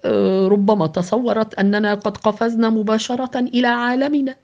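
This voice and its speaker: A woman's voice: a little high, steady tone, brisk, darkish tone, pitched above the performer's own voice, close to an everyday voice. A woman voicing a tense, uneasy young man in an audio novel. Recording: dull lo-fi with background music.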